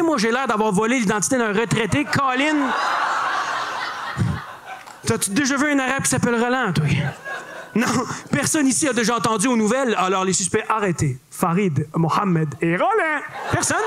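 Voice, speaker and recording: High-voiced Québécois man doing stand-up. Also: noisy background. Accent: Québécois French. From Quebec. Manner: playful, self-mocking, punchy delivery. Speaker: stand-up comedian. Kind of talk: stand-up comedy. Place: comedy club stage.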